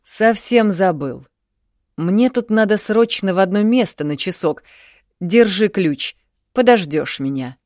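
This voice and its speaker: A woman's voice: mid-range voice, lively intonation, a little slow, darkish tone, no echo, studio quality, voice pushed up, lightly acted. A woman voicing a blunt, scolding older man in an audiobook, coarse and commanding. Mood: gruff. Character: older man, gruff and bossy factory owner.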